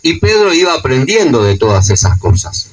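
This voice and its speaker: A man's voice: mid-range voice, big pitch swings, normal speed, distant mic, highs cut off. A man with a Rioplatense accent preaching a sermon. He retells scripture stories and often adds a questioning "no?". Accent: Rioplatense Spanish.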